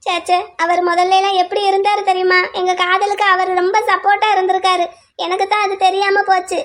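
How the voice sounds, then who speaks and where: A woman's voice: very high voice, little pitch movement, fast talker, fairly bright tone. A woman voicing a heartbroken young woman in a cartoon, sulky and tearful. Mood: sorrowful.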